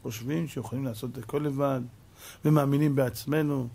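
A rabbi giving a sermon, telling stories with lively acted-out dialogue and pressing rhetorical questions at his listeners. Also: mid-range voice, vocal fry. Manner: animated storytelling, acts out dialogue, repeated rhetorical questions. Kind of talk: Torah lesson sermon.

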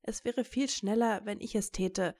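A woman doing a gentle young student, earnest. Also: mid-range voice. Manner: gentle, measured explaining. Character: calm young male student healer, earnest.

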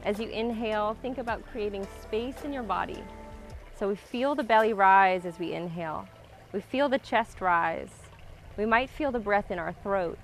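A woman leads a slow-flow yoga class as instructor. She gives calm, grounding breath cues in a mid-range voice. Music plays behind her. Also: mid-range voice. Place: outdoor waterside wooden deck.

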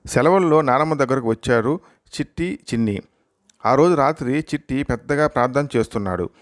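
A man hosting a joke channel who reads short jokes aloud in an unhurried storytelling way, doing every part in his own voice. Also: mid-range voice, lively intonation, no echo, studio quality. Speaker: joke channel host and reader.

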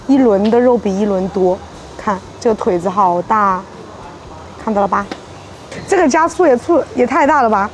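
A woman's voice: a little high, a little hiss or hum. A young woman chatting casually and playfully to camera as she eats at an outdoor street-side table, often exclaiming. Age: young adult. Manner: playful, exclamatory, talks while eating. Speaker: food vlogger and host. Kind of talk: casual mukbang chat to camera.

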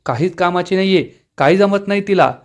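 A man reading the lines of a sharp-tongued woman of the household in a TV serial recap. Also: high-pitched, a little fast. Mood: scornful. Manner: scornful.

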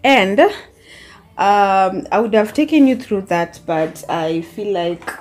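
Filming herself at arm's length in a small tiled studio apartment, a young Kenyan lifestyle vlogger in her twenties talks casually, blending Swahili into her English. She takes her time, and her mid-range voice is expressive with a slightly dark tone.

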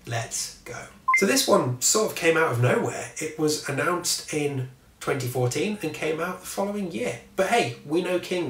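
A man in his thirties gives a chatty, wry book review to camera from a small home office, swearing at vehicles driving past. His medium-pitched voice is slightly bright. The room echoes and the microphone sits at a distance.

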